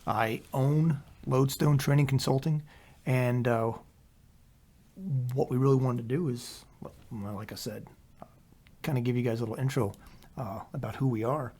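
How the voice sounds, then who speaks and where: A man's voice: medium pitch, moderate pace. Man, podcast host, from Pennsylvania, casual rambling chat, plenty of ums and uhs. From Pennsylvania, USA. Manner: relaxed, rambling, many fillers. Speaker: podcast host, training company owner.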